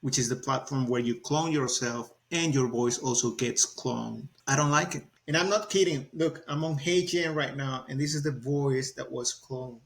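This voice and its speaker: A man in his forties with a soft Venezuelan accent, talking casually through a software tutorial and thinking aloud as he clicks. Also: mid-range voice, normal speed, hardly any pauses. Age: 40s. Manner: chatty, laughs easily, thinks aloud while clicking. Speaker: YouTube tutorial host. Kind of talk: casual screen-recorded tutorial.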